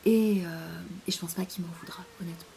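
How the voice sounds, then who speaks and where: A woman's voice: fairly low pitch, fairly even intonation, fairly quick, creaky, mellow. A young French woman chatting in a casual rambling monologue, hesitant, with many fillers, often sinking to a near-whisper. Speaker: vlogger.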